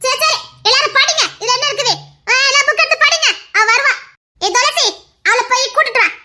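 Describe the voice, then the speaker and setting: A strict tuition teacher , put on by a woman, fires nagging questions at her pupils. The voice sits very high and sounds bright and sharp. It is comic skit acting. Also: a little fast, exaggerated voice. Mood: scolding.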